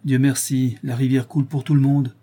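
A man's voice: medium pitch, level tone, fairly quick, mellow, slightly rough, natural voice. A man voicing a desperate, worn-out craftsman. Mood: pleading. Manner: anguished, pleading. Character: exhausted, despairing poor craftsman.

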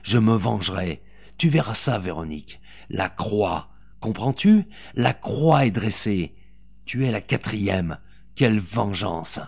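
A man reading an audiobook, voicing a vengeful, hate-filled middle-aged woman with a raspy, jerky delivery. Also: on the low side, animated, slow, darkish tone, heavily acted. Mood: hateful.

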